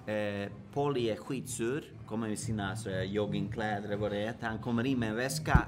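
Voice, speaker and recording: A man's voice: fairly low pitch, music in the background. A man casually telling an anecdote, acting out the people in it as he goes. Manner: animated storyteller, acts out quotes. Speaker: guest.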